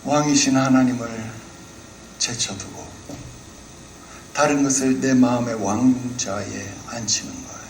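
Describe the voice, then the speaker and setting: Pastor preaching in an echoey sanctuary. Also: male voice, medium pitch, steady tone, unhurried, pauses often. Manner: acts out the scripture figures, asks the congregation questions. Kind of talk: sermon. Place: church sanctuary. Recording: roomy hall with faint room noise.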